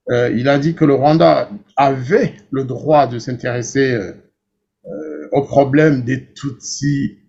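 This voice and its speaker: A man's voice: medium pitch, vocal fry, darkish tone, slightly rough, muffled recording. A man hosting a political talk show, explaining his view to a guest in a firm, assertive way. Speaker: radio host.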